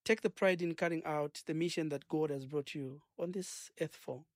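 A man's voice: fairly high pitch, normal speed, no echo, studio quality. Earnest Zambian man, preachy and rambling. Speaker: gospel singer and minister guest. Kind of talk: radio interview.

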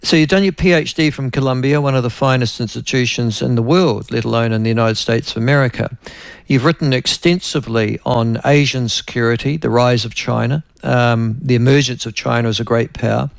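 A man's voice: mid-range voice, fairly quick, gravelly, no echo. A man interviewing a guest, asking long, rambling questions. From New Zealand. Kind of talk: broadcast interview.

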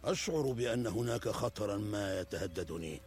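A man's voice: fairly low pitch, expressive, moderate pace, a little mellow, soft background music, lightly acted. An actor playing an arrogant, pompous pharaoh-like king who thinks himself a god, declaiming in a historical drama. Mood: troubled, brooding. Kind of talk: Arabic historical drama acting.

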